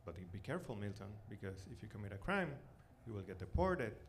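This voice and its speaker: A forty-year-old Venezuelan man, Spanish-speaking from birth, does conversational stand-up storytelling in a lowish voice with big swings in pitch. He speaks haltingly, doubling back on words and filling gaps with "you know" and "like." The clip is a noisy live recording from a comedy club stage.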